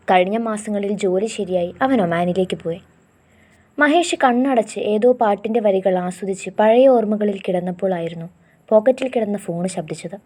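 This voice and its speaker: A woman narrating a love story in a soft, even storytelling voice. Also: medium pitch.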